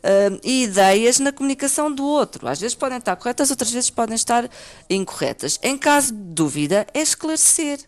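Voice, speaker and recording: A woman's voice: on the high side, brisk. A woman with a European Portuguese accent, talking assertively on a discussion panel, often restarting her sentences. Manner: assertive, animated, many restarts. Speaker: panel guest.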